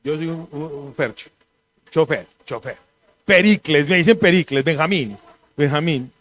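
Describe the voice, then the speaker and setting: A man, a pastor giving a conversational sermon and telling animated, joking stories. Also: fairly high pitch, moderate pace.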